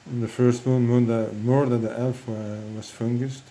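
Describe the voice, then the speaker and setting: A man's voice: medium pitch, flat delivery, normal speed, warm tone, a little hiss or hum, low-quality recording. A man with a French accent talking casually about his fish breeding, hesitant and full of fillers and restarts. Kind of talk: casual hobby vlog.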